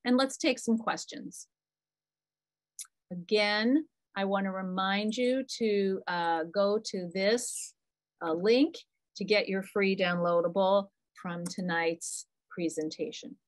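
A middle-aged woman psychologist presents a parent webinar over a video call from a small room, picked up by her computer mic. Speaking slowly at a medium pitch, she's talkative and animated, answering parents' questions from the chat in a lively, chatty way.

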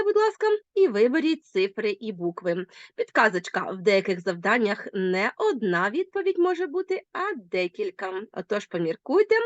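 A woman with a Ukrainian accent and a mid-range voice teaches a recorded school lesson, heard in a dry, muffled recording. She's lively and addresses her pupils directly, asking them questions as she goes.

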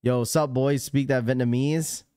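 This young man's medium-pitched voice is steady, a little slow, dark, and clean, captured dry on a close studio mic mounted on a boom arm. Hosting a sneaker livestream from a small blue-lit room indoors, he chats casually, cracks loose jokes, laughs often, and imitates voices.

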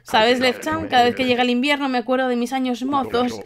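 A woman's voice: sits high, fairly even intonation, fairly quick, crowd noise. A woman with a Spain Spanish accent reading aloud the lines of a chatty, nostalgic male villager from a video game.

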